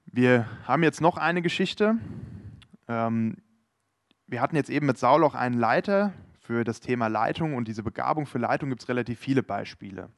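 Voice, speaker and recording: A man's voice: mid-range voice, lively intonation, normal speed, creaky, no echo. Man preaching, earnest, talks right to you, dead dry sound no room. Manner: earnest, addresses listeners directly. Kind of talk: sermon.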